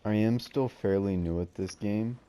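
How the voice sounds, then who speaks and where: A man's voice: fairly low pitch, normal speed, warm tone, smooth. A man giving casual let's play commentary as a gaming host, with slangy, jokey asides.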